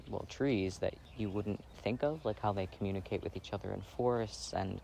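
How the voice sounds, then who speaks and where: In an ASMR roleplay, a man plays a gentle, insecure boyfriend who loves plants and sits reading on the grass outdoors. His low voice is soft and creaky, slow, halting and full of self-doubting tenderness. Faint birdsong and outdoor ambience carry behind him, along with slight background noise.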